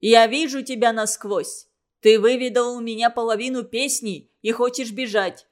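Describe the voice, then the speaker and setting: A woman's voice: high-pitched, animated, normal speed, a bit bright. Woman playing a merry baker lad, cunning, mocking, singsong. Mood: scolding. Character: cheerful cunning young male baker.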